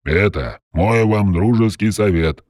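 Man putting on a slow booming lich. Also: lively intonation, darkish tone, long reverb tail. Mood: dry warning. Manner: slow solemn chanting. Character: ancient gaunt undead lich, male, solemn and menacing.

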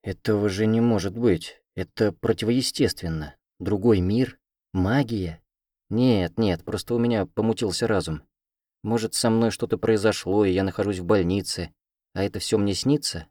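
A frightened, tearful young woman, as a man reads her, pleading as she struggles to make sense of a strange world. Her lines are pitched higher than the reader's own low voice, and the sound is dry and close. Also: normal speed, darkish tone, dry recording, lightly acted.

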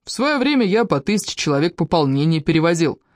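A woman's voice: lowish voice, very animated, fast talker, no echo, clean studio sound. A woman voicing an elderly former army officer, fatherly and authoritative.

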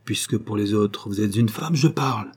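A man's voice: on the low side, normal speed, breathy edge. A man voicing an earnest young man declaring his love, with pleading, emphatic phrasing, in an audiobook reading. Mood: impassioned.

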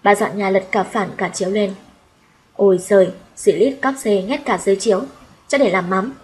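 A woman's voice: mid-range voice, moderate pace, darkish tone, rough recording. Woman narrating an audiobook story. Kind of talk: first-person audiobook narration.

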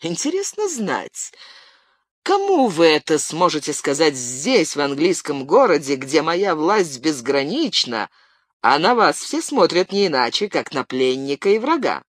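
A cold, contemptuous English lord who governs the town, as an audiobook reader puts him on. The voice moves widely in pitch and sounds dry and close to the mic. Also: sing-song, measured pace, no room sound. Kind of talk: audiobook character reading.

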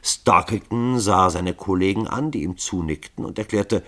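A man's voice: low voice, moderate pace. A man reading a novel aloud as narrator, voicing all the characters himself. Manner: expressive, voices all the characters. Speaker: audiobook reader.

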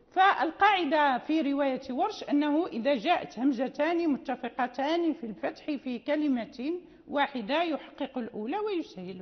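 Woman lecturing on recitation, high voice, pauses and restarts a lot, dull recording. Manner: explanatory, with frequent fillers and restarts. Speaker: teacher of Quran recitation. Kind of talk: classroom lecture. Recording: dull lo-fi audio with long reverb.

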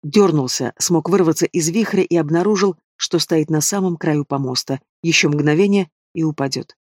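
A man's voice: fairly high pitch, normal speed, no echo, studio quality. A man reading a fantasy novel aloud as an audiobook narrator, voicing the dialogue with little change of character. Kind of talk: scripted narration.

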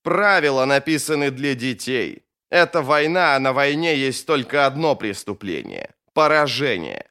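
Man reading as scornful ruthless old wizard, emphatic, lively pitch, audiobook. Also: moderate pace, hardly any pauses.

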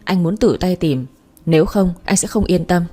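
A woman's voice: on the low side, normal speed, dark tone, lightly acted. Woman reading a blunt, stern father. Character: stern, gullible middle-aged father.

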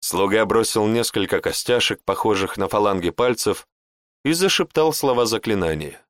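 A man reading a fantasy audiobook in an even, deliberate manner. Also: fairly low pitch, no echo, studio quality. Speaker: audiobook narrator. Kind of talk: scripted fantasy narration.

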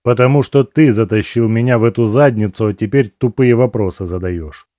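A man's voice: medium pitch, moderate pace, mellow, no echo, close to an everyday voice. A man voicing a foul-mouthed, scornful captive. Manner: swearing, scornful. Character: crude, irritable male captive nicknamed the dentist.

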